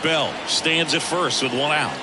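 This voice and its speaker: A man's voice: a little high, measured pace, background noise, lightly acted. A man giving baseball play-by-play in clipped phrases, punching up key calls. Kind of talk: live baseball play-by-play commentary. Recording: loud ballpark ambience behind commentary.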